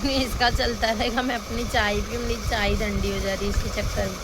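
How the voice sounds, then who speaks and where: Chatting to her phone in the kitchen, a mother narrates her chores for a casual home vlog and teases her son along the way. She sounds a little high and steady in tone, speaking fairly quickly over a noisy home recording.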